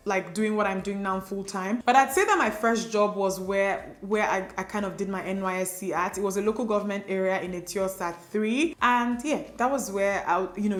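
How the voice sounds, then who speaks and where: A young Nigerian beauty vlogger whose first language is Igbo chats casually to camera in a confiding, filler-heavy way. Her voice is mid-range and the audio is reverberant.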